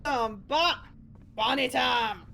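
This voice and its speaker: A woman with a fairly high voice chats casually as a co-commentator on a game stream. She talks at an unhurried pace and has a joking manner. Noise is audible behind her. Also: bright, forceful tone. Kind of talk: casual chat. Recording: clear background noise.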